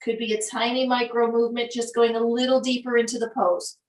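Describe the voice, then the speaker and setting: A woman yoga instructor talks students through poses with calm, step-by-step cues. Her voice sits a little high and carries some distance from the mic. The room around her is echoey. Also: brisk.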